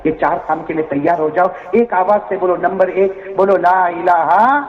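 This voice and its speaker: High-voiced man preaching with wailing emotion. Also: steady tone. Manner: calls on the crowd to answer, wails and cries out in the story. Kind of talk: emotional sermon storytelling. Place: gathering before a crowd. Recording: echoey hall, dull lo-fi with faint noise.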